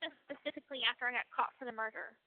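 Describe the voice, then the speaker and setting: A woman's voice: a little high, very fast. A woman speaking over a wall-mounted payphone line, hesitant and talking casually in an interview. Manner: hesitant, many fillers and restarts. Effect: calling over a wall-mounted payphone. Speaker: interviewee calling from prison. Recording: tinny phone-line sound.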